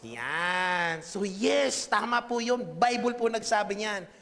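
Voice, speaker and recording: High, bright-voiced preacher in an echoey hall. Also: male voice, animated, slow, creaky. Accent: Filipino. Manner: conversational preaching with frequent checks on the audience. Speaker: pastor. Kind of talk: sermon. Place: church hall.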